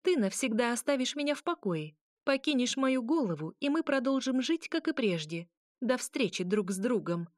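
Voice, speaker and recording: A woman voicing a sharp-tongued, irritable young witch who talks back in a snappy, sarcastic way. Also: fairly high pitch, big pitch swings, moderate pace, no echo, studio quality, voice pushed up.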